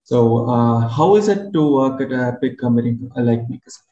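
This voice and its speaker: A man's voice: mid-range voice, animated, moderate pace, mellow, lo-fi sound. A man hosting a podcast, asking friendly, slightly hesitant questions with fillers. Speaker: podcast host. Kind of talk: casual interview hosting. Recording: roomy echo with faint music.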